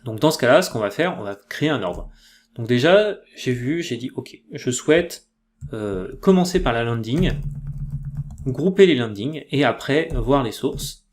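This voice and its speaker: A man with a French accent giving a casual software tutorial, chatty and loose, with many fillers and self-corrections. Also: medium pitch. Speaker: tutorial presenter.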